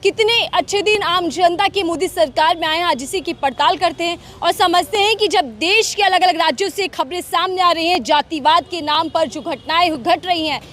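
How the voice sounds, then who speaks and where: A woman's voice: very high-pitched, normal speed, few pauses, a bit bright, a little hiss or hum. A woman reporter interviewing people on a city street, asking pointed, challenging questions. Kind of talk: street vox-pop interview.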